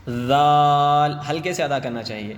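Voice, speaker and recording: A man teaching children Quran letters with tajweed. He chants each letter slowly and drawn out, then explains it quickly. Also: on the high side, a bit bright, muffled recording. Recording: long reverb, faint music.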